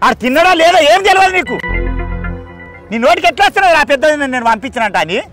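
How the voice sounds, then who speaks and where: A shrill, fast-talking old village mother-in-law, as a man acts her out, with a Telangana Telugu accent, forever nagging and bursting into loud scolds. The voice sits very high and rushes along. Music plays under the comedy sketch. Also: big pitch swings. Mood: scolding. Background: background music.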